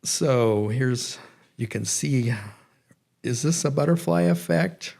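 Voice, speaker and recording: This guest lecturer, a middle-aged man with a gravelly, darkish mid-range voice, delivers a public lecture slowly but expressively in a nature center event room. He rambles along, correcting himself and filling pauses often.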